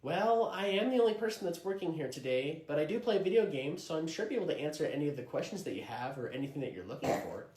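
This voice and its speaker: A man plays a patient young female shop clerk in a comedy skit, soft-spoken and polite, in customer service style. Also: on the high side, animated, fast talker, few pauses, echoey room, lightly acted, low-quality recording.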